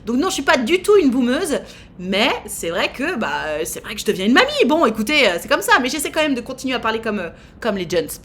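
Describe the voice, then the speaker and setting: A woman's voice: fairly high pitch, sing-song, quick pace, fairly bright tone. Chatty teasing woman streamer. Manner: chatty, teasing, lots of fillers. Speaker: streamer host. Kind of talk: casual live-stream chat.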